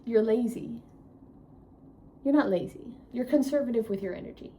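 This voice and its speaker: Speaking at a normal speed in a slightly high voice with a dark tone, a woman in her twenties vlogs about her travels, chatting to camera in a self-mocking, end-of-day weary way. There is slight background noise.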